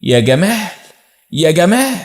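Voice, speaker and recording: A man's voice: fairly high pitch, lively intonation, quick pace, natural voice. A man voicing a scornful, flirtatious stepmother with an Egyptian Arabic accent, mocking and drawn out in an audio story. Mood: coaxing.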